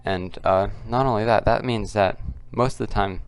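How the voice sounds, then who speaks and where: A man hosting a casual, unscripted commentary video, keeping his voice quiet and subdued and talking in a halting, repetitive way. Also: on the low side, smooth. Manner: kept quiet, subdued because others are nearby. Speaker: political commentary video host. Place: at home, others nearby.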